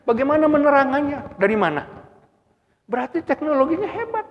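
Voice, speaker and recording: A man's voice: extremely high pitch, very animated, brisk. A man giving a humorous Quran exegesis lecture in a mosque, asking rhetorical questions and chuckling often. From Brunei. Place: mosque hall. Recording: muffled lo-fi recording with long hall reverb.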